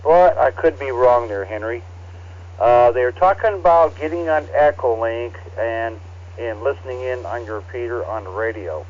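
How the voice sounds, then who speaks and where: A man serves as net control for an evening amateur radio net, his mid-pitched voice coming through a ham radio transceiver. The audio is dull and lo-fi. He reads out call signs in a relaxed, halting way with plenty of fillers. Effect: heard over a ham radio transceiver.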